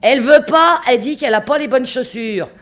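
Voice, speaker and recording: A man's voice: high-pitched, fairly quick, warm tone, pitched above the performer's own voice. Man doing a polite young fur hunter. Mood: calling out. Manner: apologetic.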